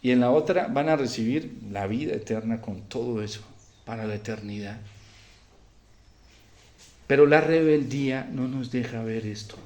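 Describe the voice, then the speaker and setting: A man preaching a Sunday homily as a priest, swinging between quiet, grave passages and loud, fervent ones. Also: medium pitch, normal speed, pauses often, echoey room. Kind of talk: sermon.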